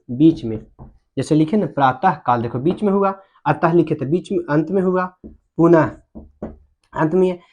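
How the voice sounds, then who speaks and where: Casting: young male teacher, voice on the high side, patient and explanatory, keeps asking the class questions. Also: darkish tone, dull audio. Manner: explains slowly, checks understanding with repeated questions. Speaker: Hindi teacher. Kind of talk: classroom grammar lesson.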